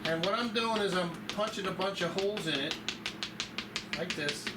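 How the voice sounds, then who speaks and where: A man giving a casual hands-on demonstration, thinking aloud in a halting way as he works with his hands. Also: sits high, loud music behind the voice. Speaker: vlogger demonstrating a DIY fix. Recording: echoey room, clear background noise, stock mic.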